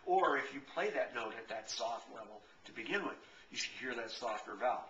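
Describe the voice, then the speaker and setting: A man's voice: medium pitch, lively intonation, brisk, sharp tone, highs cut off, a little hiss or hum. A middle-aged man explaining piano tone in a casual, rambling way, often correcting himself mid-sentence. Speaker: piano technician. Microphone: camcorder. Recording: echoey room, camcorder from a distance.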